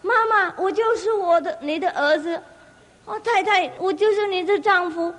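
A woman playing shrill old miser guy, panicky, voice jumped way up high. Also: moderate pace, a bit bright. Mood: pleading. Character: frantic miserly old man shouting for help.

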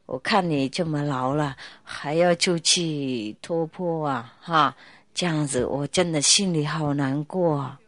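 A woman voicing a kind old woman who gently consoles a beggar in a spoken story. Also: low voice, measured pace, dry recording, pitched below the performer's own voice. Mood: consoling.

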